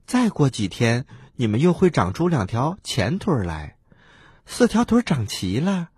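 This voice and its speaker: A man voicing a loving frog mother in a children's story, slow and tender. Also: mid-range voice, very animated, slightly rough, no room sound, studio quality, heavily acted. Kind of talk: storybook role-play.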